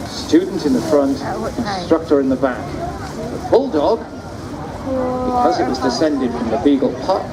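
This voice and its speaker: A man giving live, explanatory airshow commentary in short phrases with drawn-out pauses. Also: a little high, animated. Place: outdoor seafront airshow, heard over loudspeakers. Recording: outdoor public address, loud crowd and engine noise. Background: crowd and aircraft noise.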